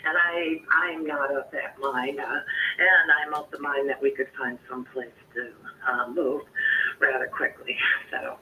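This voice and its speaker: A woman's voice: very deep voice, steady tone, unhurried, pushed and bright. An older woman talking over a landline phone from home, plainspoken and candid, with easy fillers. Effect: heard over a landline phone. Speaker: homeowner on a sales call. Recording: distant echoey phone line with faint hiss.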